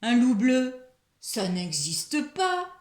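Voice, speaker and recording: A woman's voice: big pitch swings, very slow, echoey room, full character voice. A woman voicing a mischievous little gray mouse who shrieks and giggles as she plays tricks. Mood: gleeful. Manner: shrill, shouting, giggling.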